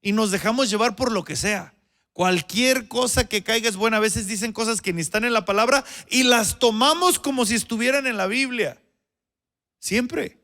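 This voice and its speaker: A man preaching as a pastor, his voice pitched high for a man. It carries a gravelly rasp. He swings from loud, emphatic phrases down to low, quiet ones, repeats himself for effect and keeps asking his listeners questions. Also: normal speed. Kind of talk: sermon.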